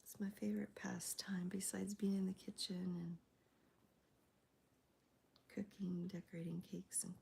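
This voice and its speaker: A woman streaming live, whispering as she chats with viewers, her voice gravelly from a cold. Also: mid-range voice, flat delivery, a little slow, long pauses. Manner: soft whispering with fillers. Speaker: crochet livestreamer. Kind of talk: whispered ASMR livestream chat. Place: home, early morning.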